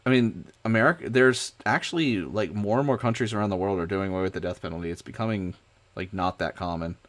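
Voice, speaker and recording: A young man streaming, chatting casually in an excitable, rambling way. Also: fairly low pitch, quick pace. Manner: rambling, excitable, many fillers and restarts. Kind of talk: casual chat.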